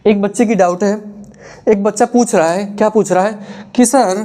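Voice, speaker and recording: A man's voice: sits high, steady tone, moderate pace, warm tone. A young man teaching a casual exam revision lesson, chatty, playing out imagined student questions and answers himself.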